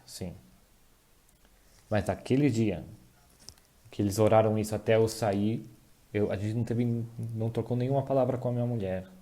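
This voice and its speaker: A man giving a dubbed voice-over of a personal testimony, talking in a halting way with restarts and self-corrections. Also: lowish voice, mellow. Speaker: voice-over interpreter dubbing a testimony.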